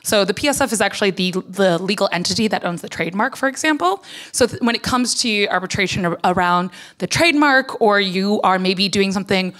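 A woman's voice: medium pitch, a little fast, fairly bright tone. Woman in her 30s doing a casual lightning talk on stage, chatty, says like a lot, handheld mic. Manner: conversational, peppers speech with "like". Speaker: conference speaker, foundation director. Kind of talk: informal lightning talk to an audience. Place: on stage at a conference hall lectern. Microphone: handheld microphone.

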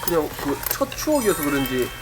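Playful man talking while eating, loud music behind. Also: fairly high pitch, sing-song, brisk. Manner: blunt, playful. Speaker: food show co-host. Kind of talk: casual mukbang chat while eating. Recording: loud music bed, food sizzling. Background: music and sizzling food.

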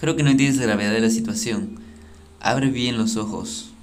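A man's voice: fairly low pitch, moderate pace, soft background music, close to an everyday voice. A man reading out a sly blackmailer's lines from a game's phone call, in a taunting, smug way. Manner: taunting, smug, reads game text aloud. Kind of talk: reading game dialogue aloud.

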